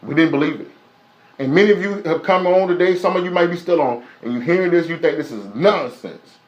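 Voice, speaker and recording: Man, preacher, high voice, emphatic repetitive delivery, echoey room. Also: brisk, dull audio. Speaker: preacher teaching a Bible lesson. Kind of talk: live-streamed sermon.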